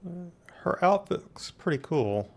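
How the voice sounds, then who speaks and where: A man giving casual, halting commentary on a video game he is playing, muttering to himself in a low-key way. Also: very animated, creaky. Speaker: gamer commentating on own playthrough.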